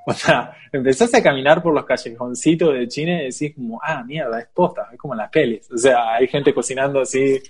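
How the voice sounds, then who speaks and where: A young Argentine man with a Rioplatense accent, casually telling a lively travel anecdote, laughing often and acting out the people in his story. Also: mid-range voice, fairly quick, few pauses, slightly rough. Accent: Rioplatense Argentine Spanish. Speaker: guest storyteller.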